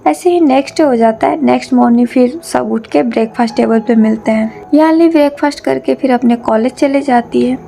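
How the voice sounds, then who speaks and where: A woman narrating a fan fiction story in a calm, even storytelling manner. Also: high voice, fairly quick, vocal fry, few pauses. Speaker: storyteller, channel host. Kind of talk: reading fan fiction aloud.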